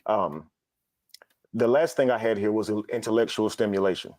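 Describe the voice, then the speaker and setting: A man's voice: fairly low pitch, normal speed, darkish tone, dry recording, studio quality. A man in an analytical conversation, reassuring and often checking that the listener agrees. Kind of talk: analytical conversation about dating.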